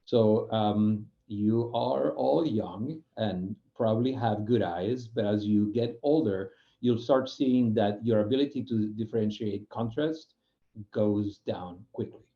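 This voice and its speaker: The muffled recording features a Spanish UX program manager giving an informal, explanatory guest talk in accented, non-native English. He speaks slowly in a lowish voice, often breaking off to restart phrases and find words.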